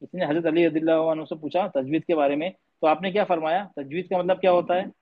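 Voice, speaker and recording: A man's voice: fairly high pitch, fairly even intonation, quick pace, phone-quality sound. A man teaching tajweed in an online class, patiently quizzing students and repeating his points. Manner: mixes English words into speech. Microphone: online class audio.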